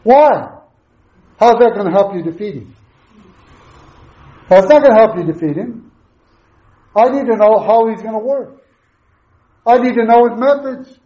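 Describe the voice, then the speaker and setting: A man's voice: high-pitched, unhurried, pauses often. A middle-aged man preaching a sermon through a face mask, emphatic, with repeated questions and short answers. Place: echoey room, preaching to a congregation. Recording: roomy echo, slightly muffled sound.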